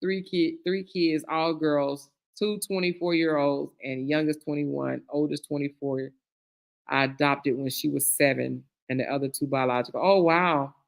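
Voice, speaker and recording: On a casual live stream, a middle-aged woman reads comments aloud and reacts with chatty warmth, using "girl," "honey" and "child." She has a low, gravelly voice at a normal speed with fairly even intonation.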